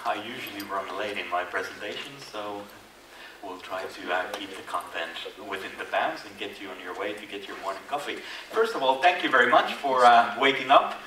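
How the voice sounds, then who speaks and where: A Finnish man whose accent carries an Irish tinge gives a casual, self-deprecating conference presentation, speaking fairly quickly in a lowish voice full of fillers and restarts. He is in a large conference hall, picked up by a distant mic with echo and faint noise.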